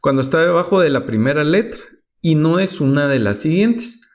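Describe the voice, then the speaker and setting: A man's voice: fairly high pitch, lively intonation, moderate pace. A man teaching Hebrew pronunciation rules, patiently reading each example word and then translating it.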